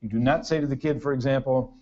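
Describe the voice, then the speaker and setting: A man's voice: mid-range voice, fairly even intonation, fast talker, warm tone. An older man giving a humorous parenting lecture to an audience, with a dry storytelling delivery and punchy lists. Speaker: parenting workshop speaker. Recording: dull lo-fi recording of a talk.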